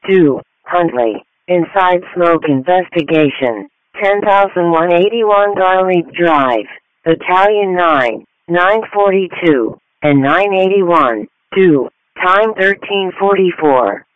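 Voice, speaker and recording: A man's voice: high-pitched, lively intonation, slow pace, no room sound. A man making clipped emergency dispatch announcements over a narrowband police radio channel.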